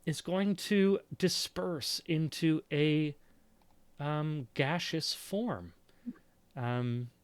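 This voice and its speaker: A man running a tabletop game as game master, explaining rules and story in a measured way with frequent fillers. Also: fairly high pitch, clear, resonant tone, no room sound. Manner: measured, thinking aloud with fillers.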